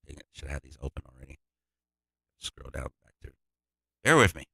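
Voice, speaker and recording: A man's voice: a bass voice, sing-song, a little fast, pushed and bright, breathy edge, no room sound. A man who produces music, talking casually through a tutorial, rambling and restarting his sentences.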